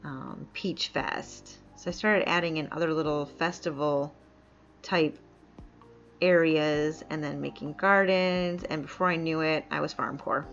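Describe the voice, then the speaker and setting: A woman from upstate New York streams live, chatting casually while she plays, laughing often and reading chat aloud. Her voice is deep and a bit bright, with a steady, unhurried delivery. The lo-fi mic sounds dull, with faint music behind her.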